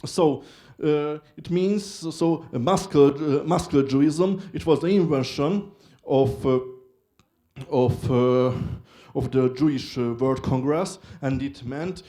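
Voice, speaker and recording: A young man from Hungary with a Hungarian accent gives a short stage talk in halting speech with many filler pauses. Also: fairly high pitch, mellow. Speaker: student speaker.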